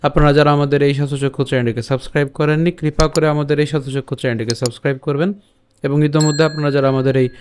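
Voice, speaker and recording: A man teaching how to pronounce a scripture verse, drilling it syllable by syllable and reciting it slowly. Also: fairly high pitch, steady tone, a little hiss or hum. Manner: slow syllable-by-syllable drilling of pronunciation; quick, brisk channel announcements. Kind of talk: online recitation tutorial.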